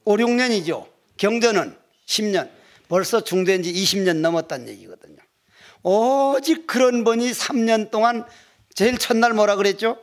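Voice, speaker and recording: Older male monk, high-ish voice, blunt and joking dharma lecture to a hall of monks. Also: lively intonation, moderate pace. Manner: earthy, joking storytelling with dialect voices.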